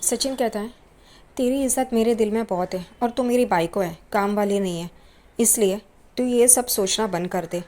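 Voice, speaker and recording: A woman's voice: medium pitch, moderate pace, dark tone. A woman retelling a TV serial episode, voicing the quoted lines with a bit more energy.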